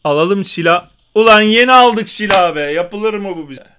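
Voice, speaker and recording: A young man giving joking, excitable live commentary while playing an online shooter game, often shouting exclamations. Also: high voice, moderate pace, a little hiss or hum. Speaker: gaming YouTuber.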